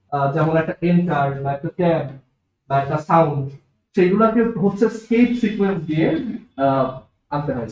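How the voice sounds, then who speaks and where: A man's voice: sits high, darkish tone. A man with a Bangladeshi Bengali accent teaching a programming class, explaining step by step and checking with his students. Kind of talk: classroom lecture. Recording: echoey classroom, dull lo-fi sound.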